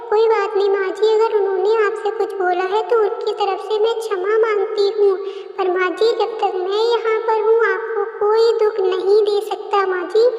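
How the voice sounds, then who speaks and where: A woman's voice: extremely high pitch, echoey room, big-room sound, far from the mic, highs cut off. A woman voicing a sweet, dutiful young village daughter-in-law in a cartoon, humble and eager.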